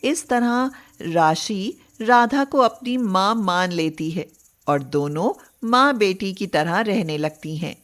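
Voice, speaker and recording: Slow-paced woman narrating a moral tale. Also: mid-range voice, animated, a bit bright. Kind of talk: scripted moral story narration.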